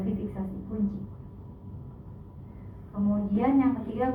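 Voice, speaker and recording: A woman's voice: mid-range voice, slight background noise. Chatty woman teaching in an echoey room. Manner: chatty, animated, acts out soothing patient instructions. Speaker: hypnotherapy trainer. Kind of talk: casual classroom lecture. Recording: echoey room, far mic, tinny lo-fi sound.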